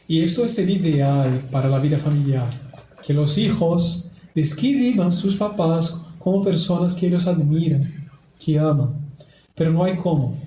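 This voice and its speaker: A man's voice: fairly high pitch, warm tone. A man speaking as a priest in religious talk and prayer, in a didactic way with repeated phrases, in an echoey, cathedral-like room. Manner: didactic, repeats phrases for emphasis, tag questions. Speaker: priest giving a family workshop. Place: large reverberant indoor room. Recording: echoey cathedral-like room, faint background noise.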